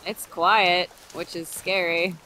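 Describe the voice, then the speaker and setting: A woman with a bright, forward voice talks casually during co-op play. Clear rain-like noise runs behind her as she chats with her fellow players. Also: lowish voice, fairly even intonation, slow, low-quality recording. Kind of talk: casual co-op gameplay chat.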